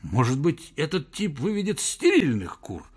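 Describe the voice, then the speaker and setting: A man's voice: fairly high pitch, very animated, moderate pace. A man doing a testy, irritable old professor. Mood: heated.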